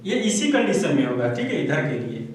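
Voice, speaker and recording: High-voiced male teacher in an echoey classroom. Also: sing-song, brisk. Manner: explains step by step, keeps checking with "theek hai". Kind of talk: classroom math lesson. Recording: echoey room, speaker far from mic.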